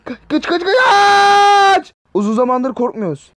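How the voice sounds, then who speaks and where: A man giving loud, excitable reactions while gaming, yelling and swearing at what happens on screen. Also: very high voice, slow, no room sound, clean studio sound. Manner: excitable, yells and swears at the game. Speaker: gamer and YouTuber.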